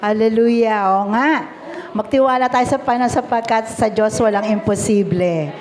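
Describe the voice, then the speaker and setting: A woman's voice: a little high, normal speed, a little mellow, slight background noise. A woman acting as worship leader, introducing the pastor with informal asides. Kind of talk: leading a church service.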